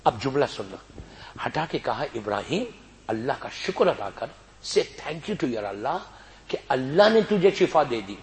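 Very animated and with a mid-range voice, a man preaches a sermon whose religious story moves back and forth between soft, hushed telling and loud exhortation. Slight background noise can be heard.

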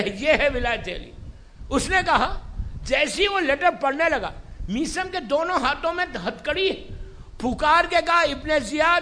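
Male preacher, dramatic sermon storyteller; very high, brilliant tone, wide lively pitch, sudden loud-soft swings. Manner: swings from hushed to shouting, mixes in English words.

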